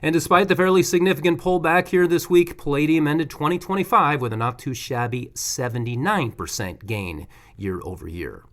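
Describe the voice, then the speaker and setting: A man's voice: a little high, normal speed, fairly bright tone. A man presenting a scripted market report as a show's news presenter.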